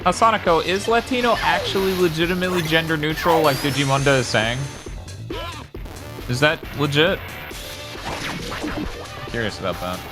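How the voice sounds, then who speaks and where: A man's voice: a little high, animated, normal speed, pauses often, music in the background. A man bantering casually as a game streamer, joking and swearing freely.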